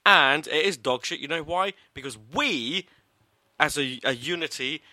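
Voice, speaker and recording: A man contributing to a film podcast, chatting casually with a sweary, animated and opinionated manner. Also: fairly high pitch, unhurried, no room sound.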